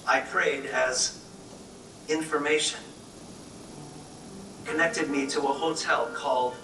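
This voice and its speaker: A man's voice: on the high side, steady tone, slow, noisy background. A man narrating a rhyming story in a wry manner. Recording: echoey room, distant mic, music behind.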